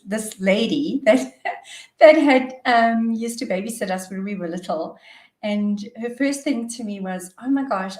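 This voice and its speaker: A woman's voice: medium pitch, a little mellow, far from the mic. A middle-aged South African woman speaks as a podcast guest, recalling her past in a cheerful voice that often breaks into laughter. Her voice rings out in an echoey room. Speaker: guest, wellness coach. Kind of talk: podcast interview.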